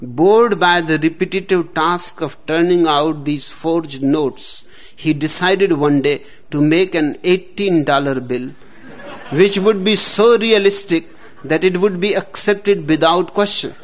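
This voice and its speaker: A man giving a spiritual discourse, speaking slowly with long pauses and telling jokes along the way. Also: a little high, a little hiss or hum. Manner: slow, deliberate, dramatic pauses, tells jokes. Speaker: spiritual teacher.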